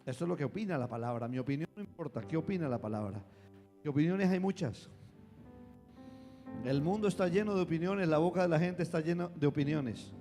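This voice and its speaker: A man preaching a Sunday sermon as pastor, building to shouts at his climaxes. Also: on the high side, lively intonation, a little fast. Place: church hall. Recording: long church reverb with music.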